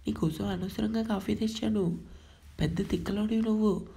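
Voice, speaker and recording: A woman voicing a stubborn, defiant young woman in a spoken story, with sulky quick retorts. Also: mid-range voice, steady tone, gravelly, mellow, close to an everyday voice. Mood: annoyed.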